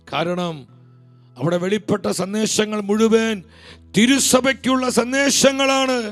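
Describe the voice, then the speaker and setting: A Malayali man preaching a sermon with impassioned, pleading questions that drop to a low, soft voice. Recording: faint music behind.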